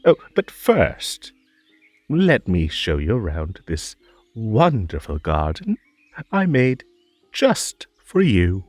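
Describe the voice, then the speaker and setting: A man's voice: on the low side, huge pitch swings, slow pace, dry recording, faint music behind, full character voice. A man playing a whimsical, lonely and possessive magical rabbit host in a roleplay audio drama, coaxing theatrically with stammers and nervous giggles. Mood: playful, mysterious.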